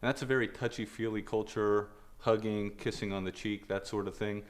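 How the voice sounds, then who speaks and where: Brief: male trainee, lowish voice, earnest question. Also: fairly even intonation, a little fast.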